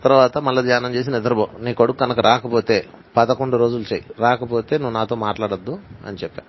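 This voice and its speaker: A man's voice: medium pitch, steady tone, fast, slight background noise, low-quality recording. A man teaching in a spiritual talk, telling stories and acting out the dialogue, with English phrases mixed into his speech. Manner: storytelling, acts out dialogue, mixes in English phrases.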